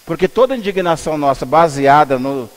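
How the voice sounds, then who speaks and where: Brief: Brazilian male pastor, fairly high voice, chatty storytelling sermon, long church reverb. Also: fairly quick. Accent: Brazilian Portuguese. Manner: conversational, animated storytelling with asides to the congregation. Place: church sanctuary.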